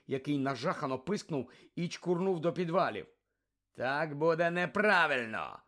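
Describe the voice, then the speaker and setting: A man narrating an audiobook in lively storytelling mode, giving each character a voice. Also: medium pitch. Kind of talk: scripted narration.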